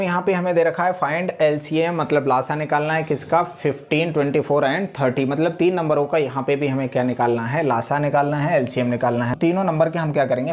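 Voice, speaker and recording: A man teaching an exam-prep math lesson, talking through each step patiently and often checking in with the class. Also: fairly high pitch.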